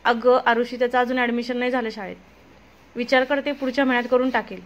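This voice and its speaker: A woman's voice: a little high, fairly even intonation, quick pace, muffled recording, lightly acted. A tender loving young wife, read by a woman.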